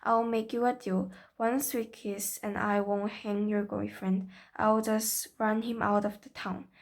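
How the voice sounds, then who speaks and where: A woman's voice: mid-range voice, level tone, gravelly. Drunk drawling sheriff, read by a woman. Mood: mocking. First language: Korean. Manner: slow drawl. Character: drunk leering small-town male sheriff.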